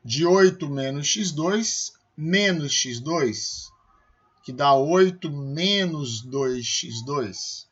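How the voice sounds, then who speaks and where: A man's voice: medium pitch, breathy edge, dull audio. A man with a Brazilian Portuguese accent, a math professor giving a recorded calculus lecture, explaining step by step and checking with his students as he goes.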